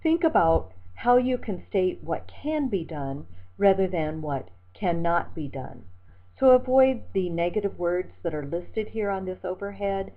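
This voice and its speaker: A woman instructor gives a methodical slide lecture, reading examples and word lists aloud. Her voice sits a little low. The sound is thin and tinny, like a phone line. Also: expressive, a little slow. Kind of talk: recorded lecture over slides.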